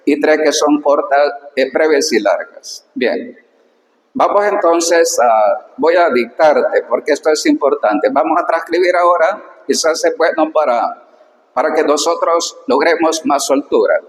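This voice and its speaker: A man gives a slow, careful language lesson, sounding out words piece by piece before explaining them. His voice sits a little high for a man and he speaks very slowly. The room is echoey, with a long reverb tail. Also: animated. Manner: reads Greek slowly syllable by syllable, then explains patiently. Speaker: Biblical Greek teacher. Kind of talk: slow instructional reading lesson.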